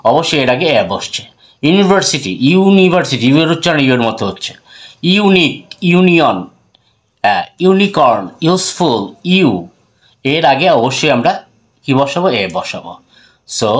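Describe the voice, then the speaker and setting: A man with a Bangladeshi accent teaching an English grammar lesson. He mixes English phrases into his talk, asks questions and answers them himself, and repeats example words slowly. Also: fairly high pitch.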